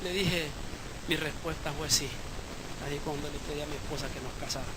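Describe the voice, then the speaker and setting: A man preaching a sermon as pastor, moving from hushed storytelling to shouted exhortation. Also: a little high, fairly even intonation, fairly quick, very noisy. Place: church service, live stream.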